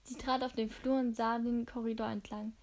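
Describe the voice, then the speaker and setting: A woman reading a novel aloud in steady scripted narration, with occasional slips. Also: on the high side, normal speed. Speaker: audiobook narrator.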